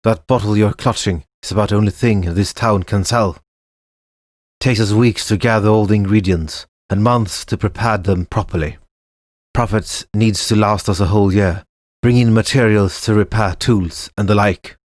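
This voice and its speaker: A man voicing a gruff, skeptical townsman shopkeeper who talks bluntly and mockingly in rustic speech. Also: fairly low pitch, fairly even intonation, moderate pace, no room sound, clean studio sound, close to an everyday voice.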